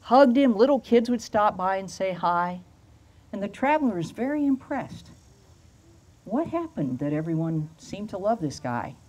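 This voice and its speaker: An older woman pastor preaching a storytelling sermon outdoors at a lectern into a handheld mic, slowing down to stress key phrases. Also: medium pitch, sing-song, darkish tone. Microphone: handheld microphone.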